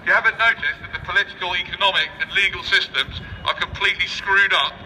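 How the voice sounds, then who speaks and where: A street protester with a high-pitched voice improvises a fast, bright, forceful speech on a busy city street, bantering with passers-by through provocative, cheeky rhetorical questions. His megaphone is picked up from a distance by a camera amid wind and street noise.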